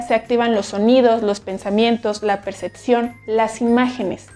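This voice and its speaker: A woman psychologist giving an explanatory talk to parents, often checking in with a quick "right?". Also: fairly high pitch, darkish tone. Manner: explanatory, asks frequent "¿sí?" checks. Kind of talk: educational talk to camera.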